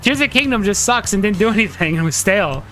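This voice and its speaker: A man's voice: high-pitched, animated, quick pace, bright, forceful tone, faint music behind. Heated man in his thirties arguing. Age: 30s. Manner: heated, swearing, argumentative. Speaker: podcast co-host. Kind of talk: casual podcast chat.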